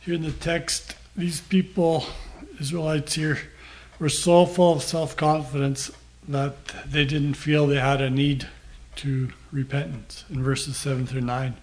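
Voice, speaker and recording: An older man delivers a sermon with a fairly high-pitched voice. He reads scripture slowly and deliberately, then talks it through in a plain, unhurried way with pauses between phrases. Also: flat delivery. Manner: slow, measured reading with pauses. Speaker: preacher.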